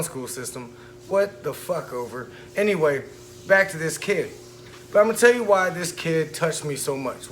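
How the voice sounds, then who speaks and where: A man's voice: fairly high pitch, a bit bright, slight background noise. Indignant man telling a story, swearing freely. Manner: profane, keeps asking "right?" to the listener; emphatic, indignant. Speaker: vlogger recounting a school incident. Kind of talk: casual storytelling monologue.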